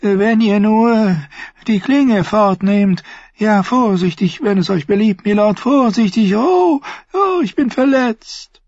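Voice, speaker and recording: A man voicing a fussy, nervous eunuch spymaster in a high, breathy voice in an audiobook. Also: expressive, takes it slowly, darkish tone, no echo, muffled recording, full character voice. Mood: simpering. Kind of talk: audiobook character voice.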